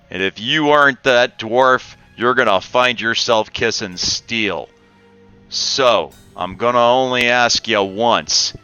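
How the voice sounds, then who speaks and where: A man voicing a gruff, grizzled male veteran warrior who speaks low and threatening. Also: pushed and bright, no room sound, highs cut off.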